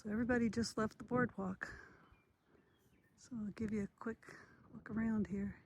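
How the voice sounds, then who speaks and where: A woman's voice: mid-range voice, normal speed. A retired woman in her sixties chatting casually as she walks a nature trail, talking to her viewers. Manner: chatty, relaxed commentary while walking. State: out of breath. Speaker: vlogger. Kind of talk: casual hiking vlog narration. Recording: outdoor phone audio with insect noise.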